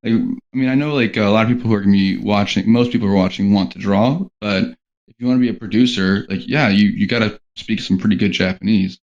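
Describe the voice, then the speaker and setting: A man with a fairly low, slightly mellow voice talks fast and steadily on a podcast panel about working in animation. He rambles casually, leaning heavily on "like" and "um," and the lo-fi recording sounds dull.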